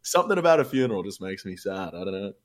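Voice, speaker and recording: Deep-voiced laid-back young man. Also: big pitch swings, very fast. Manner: laid-back, swears freely, slangy. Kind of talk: casual chat.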